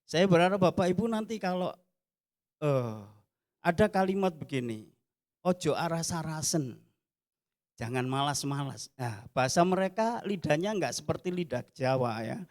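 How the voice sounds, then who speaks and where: A man introducing his mission school choir at an online church service, explaining in a relaxed way with small fillers. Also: on the high side, moderate pace, pauses often.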